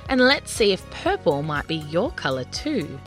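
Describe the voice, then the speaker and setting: Woman voicing a lively, artsy lady unicorn. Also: deep voice, moderate pace, faint music behind. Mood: cheerful. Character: cheerful, creative female unicorn.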